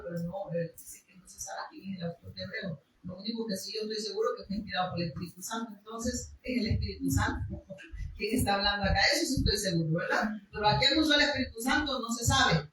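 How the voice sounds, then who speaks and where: A woman's voice: mid-range voice, fairly bright tone, a little hiss or hum. A woman preaching a sermon, reading from the Bible and speaking emphatically, with rhetorical questions and raised passages. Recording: echoey room, mic far off.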